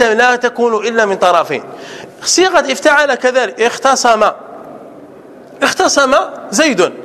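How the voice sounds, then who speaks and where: A man with a very high, lively voice teaches a grammar lesson. He repeats example sentences and keeps quizzing his listeners as he explains. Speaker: Islamic scholar teaching grammar.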